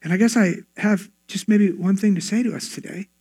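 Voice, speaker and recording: Earnest, high-voiced male pastor. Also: fairly quick, darkish tone, slightly rough. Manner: earnest, conversational, repeats words when starting phrases. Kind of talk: sermon.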